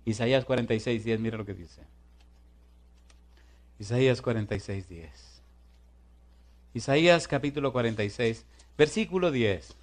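Animated preacher swinging loud and soft. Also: male voice, mid-range voice. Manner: reads scripture slowly and deliberately. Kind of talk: sermon.

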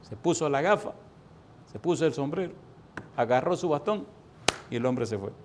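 With a slightly high voice and a moderate pace, a man in his sixties gives a sermon built around a personal story. He tells it animatedly, his voice lifting on repeated refrains.

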